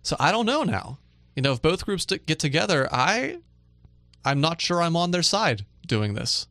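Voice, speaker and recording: A man's voice: a little high, very animated, moderate pace, pushed and bright, dry recording, faint music behind. Chatty male podcast host, dry sound. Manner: chatty, filler-heavy, laughs easily. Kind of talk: casual tech news chat. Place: dry studio.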